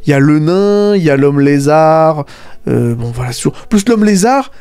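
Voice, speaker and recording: A man's voice: on the high side, lively intonation, unhurried, dark tone, clear, resonant tone, faint music behind. A man giving a casual spoken video essay as an anime critic, sarcastic, often dropping "voilà" and "hein" between points. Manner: sarcastic, fillers like "voilà" and "hein", mocking asides.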